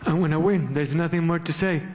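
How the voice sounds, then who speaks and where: A man's voice: on the high side, a little fast, a little mellow, a little hiss or hum. A man interpreting live at a press conference.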